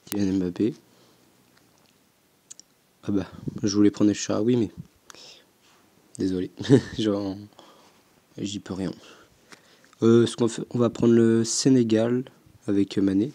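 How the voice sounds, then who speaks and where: A young man talks through a football game in casual commentary, pausing often to think aloud. His voice sits a little low and mellow, and he speaks slowly. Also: fairly even intonation. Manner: slow, hesitant, thinking aloud with frequent "euh". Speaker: gaming YouTuber.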